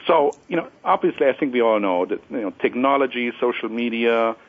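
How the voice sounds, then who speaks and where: A man calling in as a panel guest on a radio show, talking with lots of fillers and restarts. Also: medium pitch. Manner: fast, with many fillers and restarts. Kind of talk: call-in interview. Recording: dull lo-fi line.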